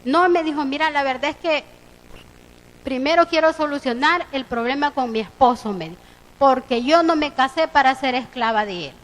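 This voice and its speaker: Mujer predicadora salvadoreña de voz aguda. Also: female voice, high-pitched, normal speed, low-quality recording. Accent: Salvadoran Spanish. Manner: storytelling, quoting conversations with lively voicing. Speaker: preacher. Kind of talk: sermon with retold dialogue. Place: church.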